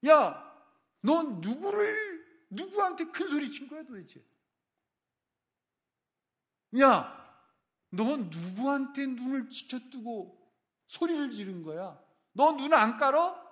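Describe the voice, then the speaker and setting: A man voicing God as a stern figure who scolds a proud king in blunt, street-tough shouts. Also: very high voice, big pitch swings, slow pace, pitched above the performer's own voice, full character voice. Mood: scolding, furious.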